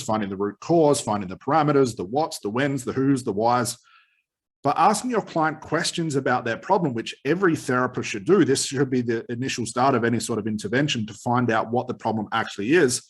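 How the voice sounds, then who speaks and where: Slightly husky man explaining informally. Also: mid-range voice. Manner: conversational, explanatory, repeats and rephrases key points. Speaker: hypnotherapist trainer. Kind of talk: informal explanatory lesson, answering a question.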